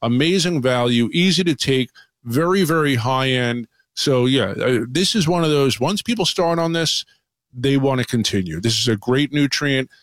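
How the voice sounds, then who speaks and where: A man's voice: medium pitch, lively intonation, normal speed, fairly bright tone, dry recording. A man speaking as a doctor guest on a paid radio infomercial, upbeat and salesy, reading out customer testimonials.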